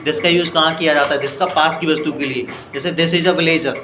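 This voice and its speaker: A man's voice: fairly high pitch, fairly even intonation, bright, forceful tone, soft background music. An Indian man teaching spoken English in Hindi, explaining step by step and often asking whether his students understood. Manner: explains slowly, asks "clear?" and "ठीक है" often; reads English examples very slowly and deliberately. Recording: echoey room with noisy background.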